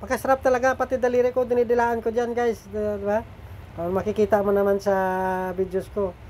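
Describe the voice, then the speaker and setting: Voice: medium pitch, flat delivery, brisk, darkish tone, slight background noise. A middle-aged food vlogger with a slightly nasal voice, chatting casually to viewers while eating and cooking, often turning to them for agreement.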